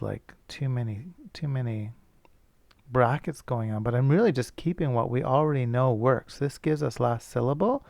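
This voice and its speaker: A man's voice: mid-range voice, creaky, darkish tone, no room sound. A male teacher thinking aloud as he works through a coding problem, casual and self-correcting. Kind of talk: screencast coding lesson.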